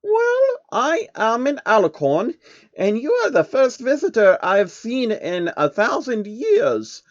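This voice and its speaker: A man voicing a gentle, lonely female alicorn princess in a soft falsetto for a fan story. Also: wildly swooping pitch, a little slow, dry recording, muffled recording, exaggerated voice. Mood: shy, friendly.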